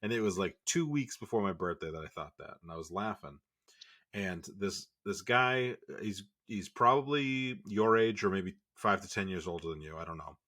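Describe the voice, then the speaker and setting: A man's voice: low voice, lively intonation, moderate pace, bright, forceful tone. A man in his late thirties co-hosting a podcast, telling rambling stories in casual chat. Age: 30s. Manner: rambling, self-interrupting. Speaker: podcast co-host.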